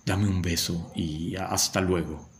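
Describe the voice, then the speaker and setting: A man voicing a condemned father facing death, grave, measured and calm. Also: low voice, slight background noise. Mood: stoic. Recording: voice over loud music.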